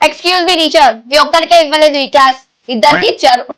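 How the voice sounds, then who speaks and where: A sharp-tongued, sarcastic schoolteacher fires back at her rival. Her voice is high and quick. It is a comedy sketch. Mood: scolding. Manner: sarcastic, mocking retorts. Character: sharp-tongued young female teacher, mocking rival.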